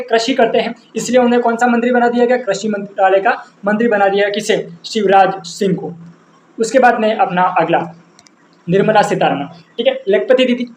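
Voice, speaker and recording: High-voiced man teaching in an echoey room. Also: darkish tone. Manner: asks and answers his own questions, repeating. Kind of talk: exam-prep lesson with memory tricks. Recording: roomy echo, faint background noise.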